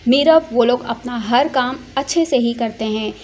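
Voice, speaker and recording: A woman's voice: fairly high pitch, normal speed, a little mellow, slight background noise, lightly acted. A woman voicing a stern, exasperated middle-aged mother who scolds and reasons. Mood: reproving.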